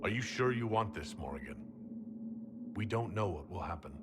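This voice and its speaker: An actor playing a level-headed, cautious leader of a fantasy quest in a game, with a measured, questioning manner. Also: male voice, fairly low pitch, expressive, heavy background noise, lightly acted. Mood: cautious, concerned. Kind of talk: fantasy game dialogue acting.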